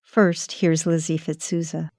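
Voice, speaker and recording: A woman hosting a documentary podcast, narrating in a measured, reflective storytelling manner. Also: sits low, little pitch movement, mellow, dry recording, studio quality. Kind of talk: scripted narration.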